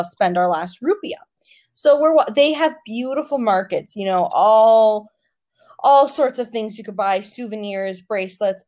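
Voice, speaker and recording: A woman's voice: medium pitch, darkish tone. A young woman co-hosting a podcast, telling a travel story in casual chat and laughing often. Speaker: podcast co-host.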